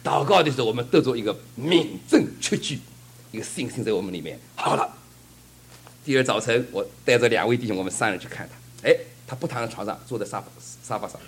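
A man's voice: mid-range voice, lively intonation, quick pace, breathy edge. A man preaching a fervent sermon and telling a testimony, asking the congregation rhetorical questions.

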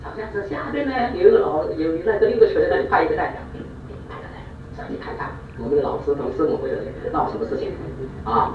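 A male preacher tells a story in an animated, quick-moving sermon and repeats points for emphasis. His pitch swings widely. He sounds far from the mic in a reverberant church hall, with dull, muffled sound. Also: slight background noise. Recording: echoey, distant, dull hall recording.

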